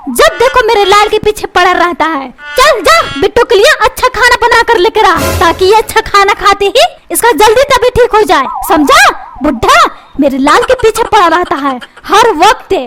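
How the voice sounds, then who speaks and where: A woman voicing a quarrelsome, sharp-tongued mother and wife. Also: very high-pitched, sing-song, normal speed, loud music behind the voice. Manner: scolding, quarrelsome. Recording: noisy background.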